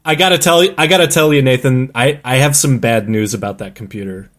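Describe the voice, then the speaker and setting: A man co-hosting a podcast in loose, casual banter. He is excitable and quick to crack jokes at his co-hosts. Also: mid-range voice. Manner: excitable, wisecracking. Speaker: podcast co-host.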